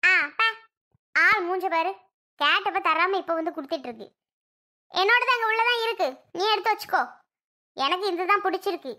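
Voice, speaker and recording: Casting: woman playing a bratty cartoon girl, squeaky-high and sharp, bossy and mocking. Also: lively intonation, normal speed, long pauses, full character voice. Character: bratty spoiled little girl, demanding. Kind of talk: cartoon voice acting.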